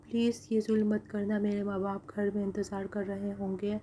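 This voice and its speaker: A woman's voice: medium pitch, completely flat delivery, warm tone, slight background noise, natural voice. A woman reading the lines of a frightened young university woman who begs to be released, in a storybook reading. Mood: pleading. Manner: desperate, pleading.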